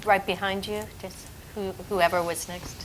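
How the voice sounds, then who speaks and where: A woman moderating a panel discussion, briskly taking audience questions in a conference room. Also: medium pitch, level tone, background noise.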